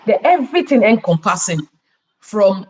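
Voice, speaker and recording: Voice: mid-range voice, big pitch swings, moderate pace, darkish tone, husky, low-quality recording. A podcast host with a Nigerian accent giving business advice, emphatic and full of rhetorical questions. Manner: emphatic, repeats key words.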